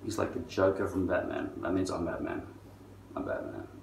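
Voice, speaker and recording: A man's voice: sits low, fairly even intonation, fairly quick, gravelly, darkish tone. A middle-aged man delivering a rambling, sardonic and profane monologue, drawing out words and then leaning hard on others. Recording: distant mic, roomy echo, faint noise.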